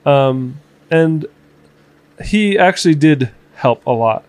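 Man, twenties, casual podcast chat, reflective, halting, dry close mic. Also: a little high, animated, a little mellow, no room sound. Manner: reflective, halting with fillers and restarts. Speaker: podcast co-host. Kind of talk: casual conversation.

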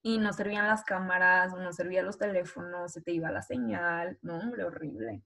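A young woman, co-hosting a podcast and telling stories in a lively chat, acting out the voices of people in them. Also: lowish voice, normal speed, creaky. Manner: animated, acts out voices in her story. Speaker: podcast co-host. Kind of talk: casual chat, storytelling.

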